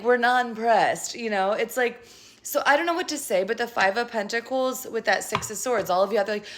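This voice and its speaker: A woman's voice: a little high, a bit bright. Blunt, scolding woman tarot reader. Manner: blunt, profane, scolding, sarcastic. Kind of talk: casual tarot reading rant to camera.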